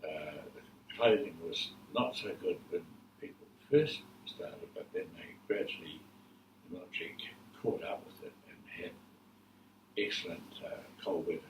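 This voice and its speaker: An elderly man with a New Zealand accent, a war veteran remembering his service in a halting, repetitive way during an informal interview. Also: low-pitched, distant mic. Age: 80s or older. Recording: echoey room with faint background noise.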